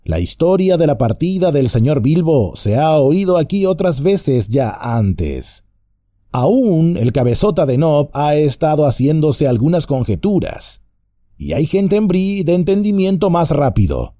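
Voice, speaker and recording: A man's voice: on the high side, very animated, a little slow, dark tone, dry recording, clean studio sound, pitched above the performer's own voice. A man voicing a nervous, fussy, stout male innkeeper who talks anxiously and at length. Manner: flustered, anxious, talkative.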